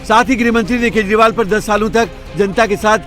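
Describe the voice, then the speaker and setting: A man's voice: sits high, steady tone, fairly quick, fairly bright tone, soft background music. A man reading scripted news narration.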